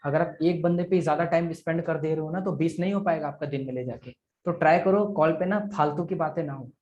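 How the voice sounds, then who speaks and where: In a live online class over a video call, an affiliate marketing sales trainer coaches students, working through sums aloud, repeating figures, and asking "ठीक है?" He talks fast, with a fairly high, darkish voice whose highs are cut off.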